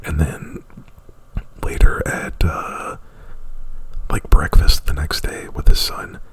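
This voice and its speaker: A man doing relaxed ASMR whispers breathily right at the microphone, rambling informally through a retelling and using "like" and swear words often. The voice is extremely low, level in tone, slow, and a bit bright.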